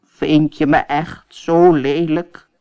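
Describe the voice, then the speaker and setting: Gentle talking frog from a storybook, slow and coaxing, done by a woman reader. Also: deep voice, level tone, smooth. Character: patient, gentle male frog. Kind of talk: storybook reading.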